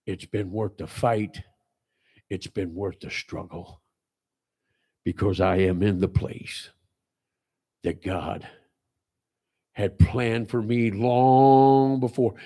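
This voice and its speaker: A pastor in his sixties preaching a sermon in a small church, stressing repeated phrases and swinging between loud and low. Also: steady tone, slow, long pauses, breathy edge. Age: 60s. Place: small church sanctuary, indoors.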